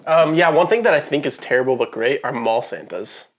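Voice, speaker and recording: Male podcast co-host, playful teasing chat, mid pitch. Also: lively intonation, brisk. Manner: teasing and playful, easy laughter. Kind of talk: casual chat.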